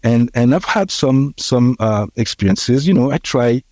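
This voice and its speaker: A Haitian man in his sixties, a podcast guest, telling his life story in a reflective, halting way with many fillers and restarts. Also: mid-range voice, expressive, darkish tone, no room sound. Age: 60s.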